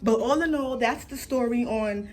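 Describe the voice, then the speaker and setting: Her voice sits a little high and moves at a moderate pace as this young American woman tells a casual storytime for her vlog. Full of slang, she swears freely, gets dramatic and emphatic, and repeats phrases to drive points home.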